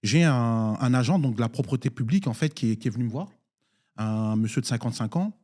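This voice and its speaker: Taking part in a political debate, a municipal councillor from Nigeria talks in an expressive, mellow, dark voice at a middling pitch. He hesitates often, restarting sentences and filling gaps with fillers.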